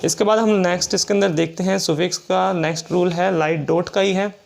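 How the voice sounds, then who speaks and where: A man gives a classroom lesson, stepping slowly through each rule. His voice sits high for a man, and he repeats every example word patiently. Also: fairly even intonation, vocal fry. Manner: slow, repetitive explaining, reads rules aloud. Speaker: shorthand teacher.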